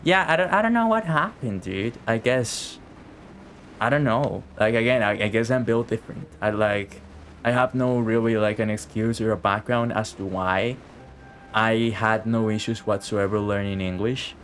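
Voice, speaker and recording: Rambling low-voiced young man streaming. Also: fairly even intonation, unhurried, slight background noise. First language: Spanish. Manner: rambling, filler-heavy storytelling. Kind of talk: casual chat while gaming.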